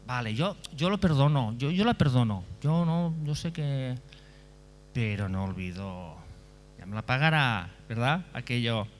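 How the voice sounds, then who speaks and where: A man's voice: mid-range voice, expressive, normal speed, few pauses, a little hiss or hum. A male pastor preaching a sermon in a conversational way, often checking in with listeners and repeating phrases.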